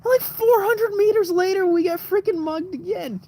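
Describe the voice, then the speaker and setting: Speaking in a very high voice with a dark tone at a moderate pace, a man in his twenties hosts a laid-back livestream. He tells meandering stories, swearing, stumbling over fillers, and restarting. He's in a room lit by a kerosene lamp at night.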